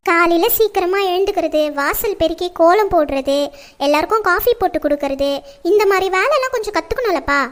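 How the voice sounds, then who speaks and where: A woman's voice: very high-pitched, lively intonation, brisk. A woman acting as a strict, fretful middle-aged mother who lectures her grown daughter. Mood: persuading. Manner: scolding, lecturing. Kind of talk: family drama acting.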